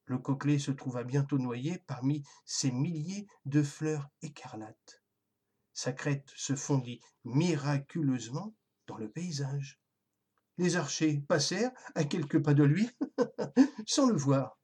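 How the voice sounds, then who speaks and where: Brief: children's tale narrator, husky, gentle, expressive delivery. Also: medium pitch, unhurried. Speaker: storyteller. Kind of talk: scripted children's story narration.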